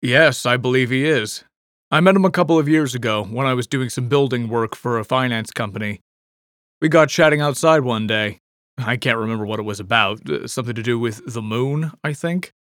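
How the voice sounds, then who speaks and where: A man's voice: mid-range voice, brisk, fairly bright tone, no echo, natural voice. A guarded man, voiced by the storyteller, keeping his answers short and evasive in a mid-range voice. The reading is close and dry. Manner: terse, evasive. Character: guarded middle-aged man, secretive and defensive.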